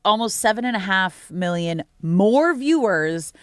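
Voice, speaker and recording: A woman's voice: mid-range voice, lively intonation, unhurried, smooth, no echo, clean studio sound. An American woman hosting sports radio, talking casually and emphatically straight to her listeners. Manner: conversational, emphatic, addresses listeners as you guys.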